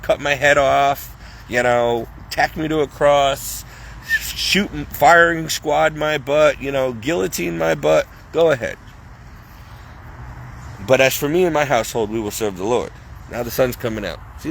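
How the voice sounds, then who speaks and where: A man's voice: medium pitch, normal speed, a little hiss or hum, poor audio. A man vlogging outdoors in the cold, talking zealously and in a rambling way that keeps interrupting itself, and chilled from being out for hours. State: freezing cold. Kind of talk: casual religious vlog monologue.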